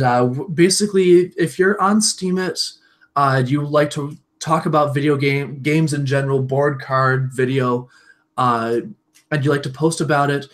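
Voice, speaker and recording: A man on a casual online stream chat, plugging his community group in an upbeat, loosely phrased way. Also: a little high. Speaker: podcast guest.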